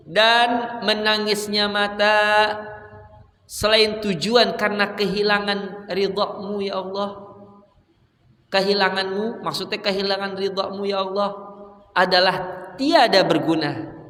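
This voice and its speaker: A male preacher teaches in a reverberant mosque hall. His voice sits high and sounds bright and forceful. He keeps the lecture light, asking questions and answering them himself. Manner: humorous, asks and answers own questions. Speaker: religious teacher.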